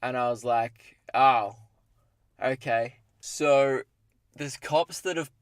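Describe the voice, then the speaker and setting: Young male podcaster, Australian accent. Mid-pitched, casual, rambling, self-mocking humour, recorded dry in a parked car. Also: takes it slowly, smooth, no echo. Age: young adult. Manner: self-deprecating, joking. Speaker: solo podcast host.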